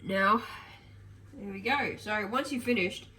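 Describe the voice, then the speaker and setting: A woman vlogs a casual get-ready-with-me routine in a medium-pitched, nasal voice, pushed and bright, at a measured pace. Rambling with plenty of fillers and self-corrections, she moves through her kitchen and rooms indoors, recorded from a distance in an echoey space with household noise.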